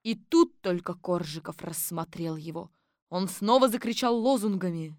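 A woman narrating an audiobook for children. Her storytelling is lively and wry. The sound is dry and close. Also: on the low side, moderate pace, no echo.

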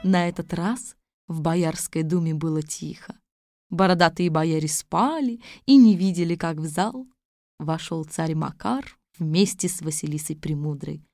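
A woman narrating a storybook chapter in a clear, even storytelling manner. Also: low-pitched, a little slow, dry recording, clean studio sound.

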